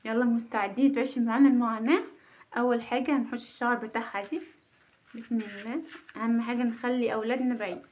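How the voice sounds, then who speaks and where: Talking very fast in a slightly high, darkish, steady voice, this woman is a mother in her thirties vlogging from home with an Egyptian Arabic accent. She's casual, nervous, and self-deprecating, and the recording is dull and lo-fi.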